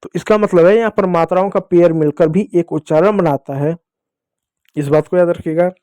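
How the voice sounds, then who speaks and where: High-voiced man teaching phonics. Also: moderate pace, warm tone, no echo. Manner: patient, repeats questions and answers them himself. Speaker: English teacher. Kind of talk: classroom-style phonics lesson.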